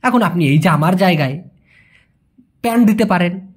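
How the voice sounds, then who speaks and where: Husky man teaching word by word. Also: high voice, animated. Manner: drills words slowly, repeats them and asks the listener to repeat; chatty, asks rhetorical questions. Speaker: language teacher. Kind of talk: Bengali-language lesson teaching Malay phrases.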